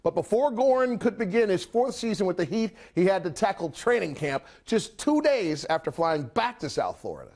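A man's voice: high-pitched, big pitch swings, moderate pace, few pauses, darkish tone. A man hosting a sports magazine show, introducing segments and asking questions in an upbeat presenter manner. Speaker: show host and interviewer.

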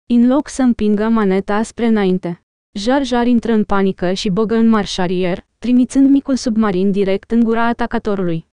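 A woman narrating an audiobook in a steady, even storytelling manner. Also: mid-range voice, clear, resonant tone, dry recording, clean studio sound.

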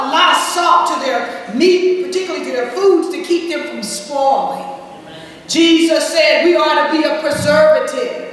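Woman pastor preaching slow, high voice, lots of "amen?", far off in a big echoey church. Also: a bit bright. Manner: slow, emphatic preaching with call-and-response "Amen?". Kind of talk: sermon. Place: church sanctuary. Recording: echoey church sanctuary from far off with faint hum.

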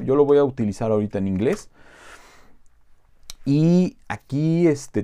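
A man with a Mexican Spanish accent casually walking viewers through a software tutorial, rambling with many fillers and asides. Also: lowish voice. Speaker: tech tutorial host.

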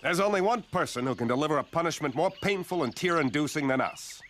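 Stern, animated cartoon government agent. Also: male voice, fairly high pitch, quick pace, soft background music. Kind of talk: cartoon acting.

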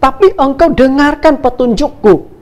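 A woman voicing God in a sermon story, speaking slowly and assuredly. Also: high voice, expressive, darkish tone, voice pushed up. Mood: calm commanding. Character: calm commanding voice of God.

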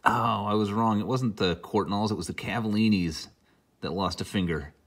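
Low-voiced man, slightly sick, rambling casually. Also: normal speed. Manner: rambling, dry asides while naming cards. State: under the weather, mildly sick. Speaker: host opening hockey card packs. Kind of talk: casual rambling unboxing commentary. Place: indoor room at a table, hobby display behind.

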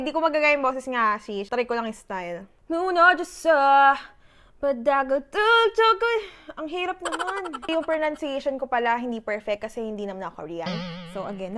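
A young woman with a Filipino accent, chatting playfully and poking fun at herself in a casual vlog. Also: a little high. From Philippines. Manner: chatty, playful, self-deprecating. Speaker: YouTuber. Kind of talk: casual vlog talk, Taglish.

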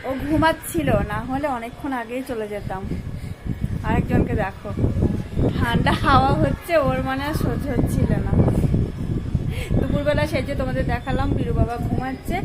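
A woman's voice: sits high, moderate pace, long pauses, heavy background noise. A young mother chatting casually to her viewers at home, cooing to her child. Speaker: mother and vlogger. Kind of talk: casual home vlog chat. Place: apartment home during rain. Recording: music playing under the voice.

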